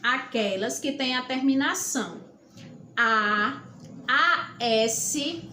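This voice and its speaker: A woman teacher with a Brazilian accent gives a lesson, speaking slowly and deliberately and spelling out word endings letter by letter. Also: sits high, pushed and bright. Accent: Brazilian Portuguese. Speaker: school teacher. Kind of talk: recorded classroom lesson. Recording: roomy echo with faint background hum.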